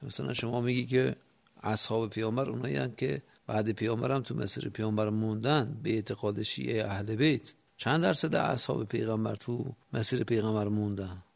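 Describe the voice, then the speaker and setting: A man's voice: on the low side, creaky. A man giving a religious lecture, explaining a point step by step with rhetorical questions and reciting phrases in classical Arabic. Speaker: cleric teaching religious text.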